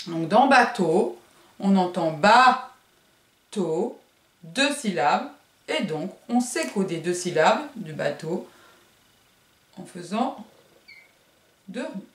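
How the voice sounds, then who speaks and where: A woman's voice: on the low side, sing-song, takes it slowly, long pauses. A woman kindergarten teacher giving a remote phonics lesson to young children, sounding words out syllable by syllable and encouraging them. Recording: roomy echo.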